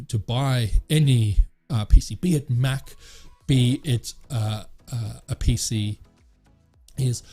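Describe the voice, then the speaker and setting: A man's voice: medium pitch, warm tone. A man hosting a tech channel, talking casually to camera and rambling with many fillers and restarts.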